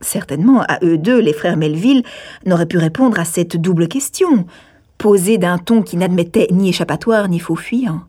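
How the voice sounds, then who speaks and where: A woman narrating a classic novel aloud in a measured, even storytelling manner. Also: lowish voice, husky. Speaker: audiobook narrator.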